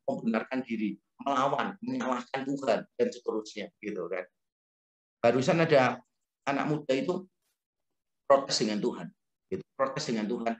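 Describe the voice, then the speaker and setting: A male pastor with an Indonesian accent, preaching a lively, humorous sermon and acting out quotes. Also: medium pitch, echoey room. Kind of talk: sermon teaching.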